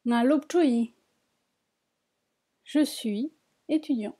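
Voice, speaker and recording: A woman teaching a reading lesson, spelling out syllables one by one and repeating each word slowly. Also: sits high, mellow, husky. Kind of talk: slow spoken language lesson.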